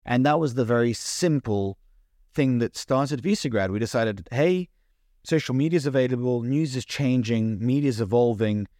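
A man's voice: medium pitch, normal speed, darkish tone, no room sound, studio quality. A man, a podcast guest speaking earnestly and fluently, often restarting his words. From United Kingdom. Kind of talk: podcast interview.

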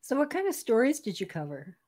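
A woman's voice: fairly high pitch, huge pitch swings, brisk, a little mellow. Woman hosting an interview. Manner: reads the intro, then asks short questions. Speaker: podcast host.

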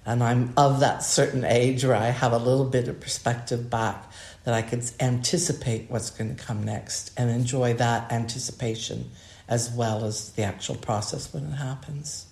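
A woman's voice: a bass voice, fairly even intonation, normal speed, a little mellow. Older woman, roomy and reflective. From United States. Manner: reflective, rambling with restarts. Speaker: podcast co-host. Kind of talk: relaxed conversation. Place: home by a fireplace. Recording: roomy echo.

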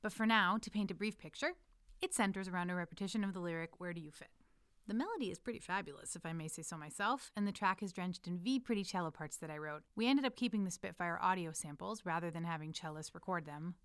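A woman's voice: lowish voice, quick pace, fairly bright tone, clean tone, no echo, clean studio sound. Intimate, playful woman reading her letter aloud. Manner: intimate and playful, addresses the listener as her love. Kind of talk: personal letter read aloud. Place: lives in Amsterdam.

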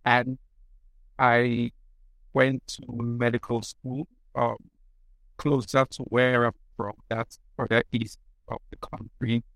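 Male guest, gravelly mid-pitched voice, thoughtful, restarts his sentences often. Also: little pitch movement, a bit bright, no echo, rough recording. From Nigeria. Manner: halting, thoughtful, with many restarts. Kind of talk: casual interview.

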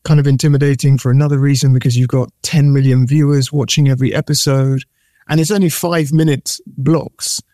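Here is a casual interview guest, a middle-aged man who was born in Nigeria and moved to the UK at eight. He talks fairly quickly at a medium pitch, and the studio recording is dry and clean. His storytelling is lively and full of repeats and restarts.

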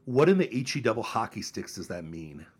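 A man in his thirties rants on a podcast with a husky, slightly breathy voice. His pitch jumps around a lot. He mocks people by mimicking them. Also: a little fast. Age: 30s. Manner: animated, mocking, mimics others in high voices. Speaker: podcast co-host. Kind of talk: casual opinion chat.

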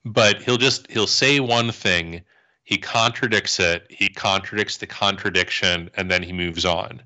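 A man with a very deep voice that still has a bright, forceful edge talks on a podcast. He is sardonic and mocking and quick with quips. The delivery is loose and conversational. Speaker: podcast co-host. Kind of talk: casual political chat.

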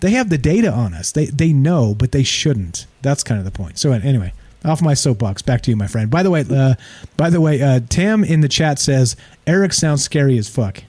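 Male talk host with a mellow, darker tone. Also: medium pitch, big pitch swings, normal speed. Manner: informal, emphatic, repetitive phrasing with rhetorical questions. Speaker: talk show host taking calls and chat. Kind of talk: casual opinionated talk.

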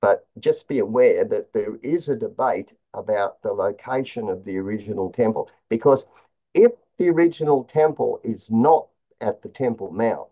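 A man explaining conspiracy theories as an interview guest, in a halting way, often repeating words and restarting his phrases. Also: lowish voice. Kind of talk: conspiracy talk, explaining slides. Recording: dull, lo-fi sound.

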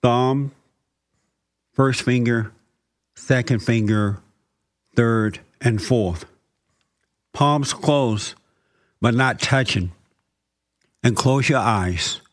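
Slow, calm man guiding a meditation. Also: mid-range voice. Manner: slow, calm instructions with repeated phrases and scripture. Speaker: meditation guide.

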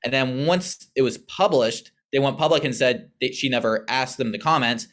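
A man's voice: mid-range voice, normal speed, a bit bright. Wry young man explaining things casually. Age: young adult. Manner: explanatory, wry, sarcastic asides. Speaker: podcast co-host. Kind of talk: casual podcast chat.

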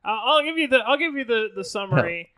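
A man co-hosting a gaming podcast in casual chat, sometimes reading a text aloud quickly. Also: extremely high pitch, sing-song, a crowd in the background. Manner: reads aloud quickly, laughing. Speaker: podcast co-host.

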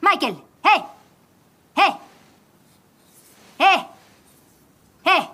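A woman's voice: extremely high pitch, animated, extremely slow, bright, forceful tone, exaggerated voice. An actress dubbing a desperate woman begging a relative to stop. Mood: pleading. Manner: begging, tearful pleading. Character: desperate woman pleading with a family member. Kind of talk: dubbed TV drama.

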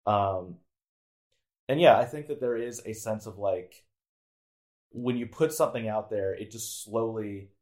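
A man in relaxed podcast conversation, rambling and self-interrupting with lots of filler words, candid and sometimes swearing. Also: on the low side, unhurried, long pauses. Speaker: podcast guest. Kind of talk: casual conversation.

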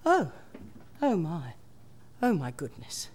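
A stern schoolmistress in a radio play fires off sharp scolding questions. Her voice is high and swings wildly up and down as she demands answers. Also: wildly swooping pitch, measured pace, exaggerated voice. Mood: shocked. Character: stern strict village schoolmistress woman. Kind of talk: radio drama acting.

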